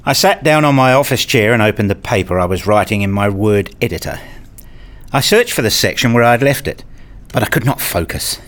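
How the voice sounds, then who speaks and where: Narrating and voicing the lead in a first-person radio play, a man portrays a frustrated, restless academic describing his dreary days. His lowish, slightly bright voice is expressive and fairly quick, with a wry, grumbling, glum, matter-of-fact mood.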